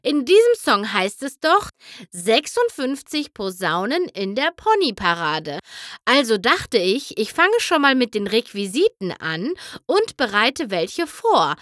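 A woman's voice: fairly high pitch, very animated, unhurried, fairly bright tone, no echo, studio quality. A woman reading aloud and voicing a mischievous male chaos creature who talks in a teasing, mock-innocent way. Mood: smug teasing.

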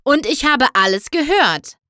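A bold young pony princess announces herself from the shadows, voiced by a woman reading aloud. Raised, lively pitch, clear and dry close to the mic. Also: a little slow, no echo, exaggerated voice. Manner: whispering to herself, then bold. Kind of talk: storybook reading.

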